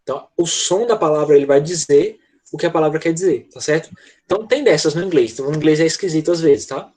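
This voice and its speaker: A husky-voiced man teaching an online class over a computer mic, his pitch sitting a little high for a man. He explains grammar patiently, checks in with students all the time and slows right down to model each word. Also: a little mellow. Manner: slows down to model English words. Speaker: English teacher.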